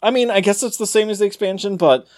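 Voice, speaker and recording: Deadpan man trading dad jokes on a podcast. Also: high-pitched. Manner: deadpan joke-telling, halting when thinking. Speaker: podcast co-host. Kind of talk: casual chat.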